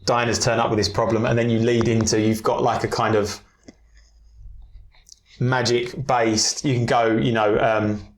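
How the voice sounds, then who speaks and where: A man's voice: medium pitch, little pitch movement, normal speed, reverberant. A man on a casual podcast, rambling through a story idea and acting out lines from scenes as he goes. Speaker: co-host.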